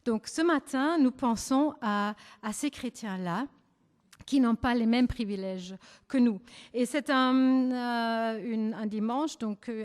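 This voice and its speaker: Slow-spoken woman with a German accent. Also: fairly high pitch. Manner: gentle, hesitant, with frequent pauses and self-corrections. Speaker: service leader. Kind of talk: leading a church service. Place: church hall. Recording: long church-hall reverb.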